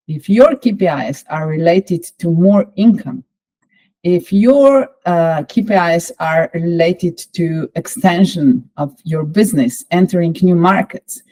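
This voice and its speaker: Slovenian woman lecturer, lowish mellow voice, steady explainer, lots of "uh" fillers. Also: breathy edge, rough recording. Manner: measured, explanatory, with frequent fillers. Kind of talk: online course lecture.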